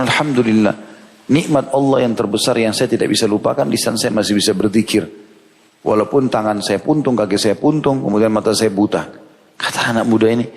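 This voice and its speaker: Male preacher, mid pitch, storytelling sermon with acted-out dialogue; long hall reverb. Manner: retells stories with lively quoted dialogue, shifting pitch for each character. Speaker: Islamic preacher.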